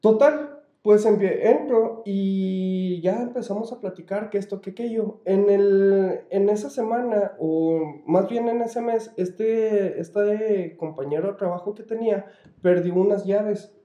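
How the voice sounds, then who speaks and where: A man's voice: high voice, dark tone, lo-fi sound. A man with a Mexican accent casually telling a story to friends, rambling and full of fillers and slang. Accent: Mexican Spanish. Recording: roomy echo.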